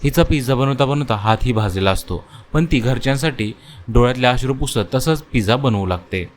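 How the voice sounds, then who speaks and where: A man's voice: mid-range voice, expressive, a little fast, slight background noise. Man narrating a kids' cartoon story. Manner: plain storytelling, addresses listeners as friends.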